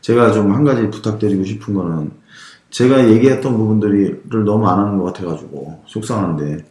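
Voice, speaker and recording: A man's voice: on the low side, brisk, darkish tone, echoey room. A man hosting a casual chat about property auctions, teasing his co-hosts. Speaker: podcast host.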